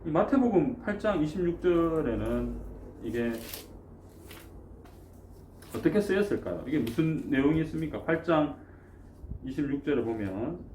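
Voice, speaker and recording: A male pastor delivers a lively sermon, his fairly high voice swinging widely in pitch. He keeps putting questions to the congregation and punches key words with sudden force. The church room around him echoes, with a faint hiss underneath. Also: normal speed, long pauses. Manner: animated, asks the congregation rhetorical questions; emphatic, with sudden raised bursts. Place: church sanctuary.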